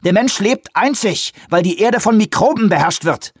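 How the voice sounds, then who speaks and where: A defiant male scientist, read by a male narrator, hurls heated accusations. The voice is husky and close, with a dry, roomless sound. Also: high voice, expressive, moderate pace, no room sound, voice pushed up. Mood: shouting.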